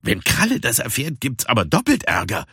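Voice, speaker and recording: A man voicing a small, proud grey female cat who is quick to scoff, in a storybook reading. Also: mid-range voice, huge pitch swings, vocal fry, pushed and bright, husky, no room sound, clean studio sound, voice pushed up, full character voice. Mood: worried.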